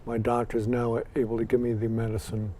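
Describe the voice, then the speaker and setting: Slight hiss or hum sits under this recording of a Scottish-born interview guest in his sixties who grew up in Ireland and Los Angeles and speaks with an American accent. He talks a little fast in a dark, medium-pitched voice, completely flat and plainspoken in a dry way.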